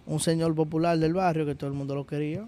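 A man co-hosting a casual podcast, an animated storyteller who acts out the voices of the people in his tales. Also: fairly high pitch, fast. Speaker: podcast co-host.

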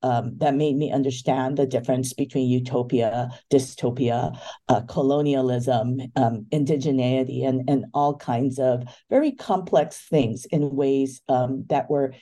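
A woman's voice: a bass voice, steady tone, measured pace, warm tone. A woman in her fifties from Hawaii, a book editor talking as a guest in an interview, thoughtful with many fillers. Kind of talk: casual interview talk.

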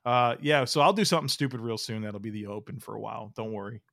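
A man's voice: medium pitch, fast, gravelly, fairly bright tone, no room sound, studio quality. A man hosting a sports podcast in casual chat, talking in a rambling way with lots of "like". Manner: rambling, heavy use of "like". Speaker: podcast host.

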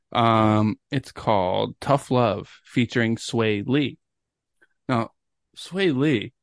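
A man's voice: lowish voice, gravelly, dry recording, studio quality. A young man co-hosting a podcast, chatting casually and telling stories with enthusiasm and casual swearing. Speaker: podcast co-host. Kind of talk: casual chat.

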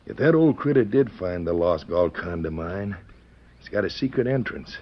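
Low-voiced western outlaw. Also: male voice, lively intonation, normal speed. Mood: scheming. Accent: American. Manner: rough western drawl. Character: scheming male outlaw ex-convict, rough and wary. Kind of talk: old-time radio western acting. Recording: muffled, noisy old radio recording.

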